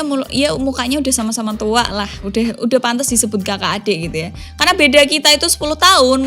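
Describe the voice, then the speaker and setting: A woman's voice: high voice, fairly bright tone. A woman in her twenties from Indonesia, hosting a casual storytelling monologue and chatting in a confiding way, often checking in with her listeners. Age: 20s. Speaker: podcast host.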